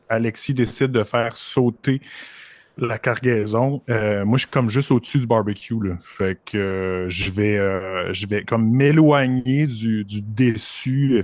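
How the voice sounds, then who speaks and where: A man's voice: lowish voice, dry recording. A man with a Québécois accent playing a tabletop game, thinking aloud and hesitant as he plans his move. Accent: Québécois French. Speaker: player. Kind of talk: tabletop role-play talk.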